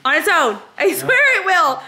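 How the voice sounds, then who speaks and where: A woman filming a casual family vlog as the mom, talking in an excitable, flustered way and saying "like" in nearly every sentence. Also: very high-pitched, normal speed. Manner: excitable, fills speech with "like"; scared and flustered, half laughing. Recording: loud music behind.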